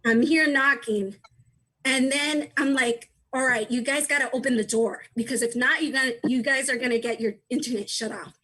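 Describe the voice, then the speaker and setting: A woman's voice: high-pitched, fairly even intonation, normal speed, a bit bright, poor audio. A woman in her thirties doing a chatty, self-deprecating stand-up set over a video call. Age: 30s. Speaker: stand-up comedian.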